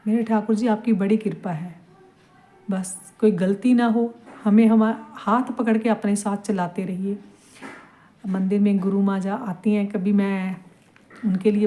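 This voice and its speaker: A middle-aged woman from Punjab speaks in a soft, confiding way, addressing her deity idol as if chatting with a close friend. Her voice is mellow and warm, sitting at an ordinary pitch. The tone is casual and devotional. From Punjab, India. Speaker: devotional vlogger.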